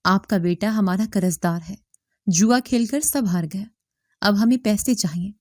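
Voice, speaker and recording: A woman voicing a group of rough, threatening men who demand money at a door in a spoken story. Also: medium pitch, darkish tone, no echo, clean studio sound, natural voice. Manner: demanding, mocking.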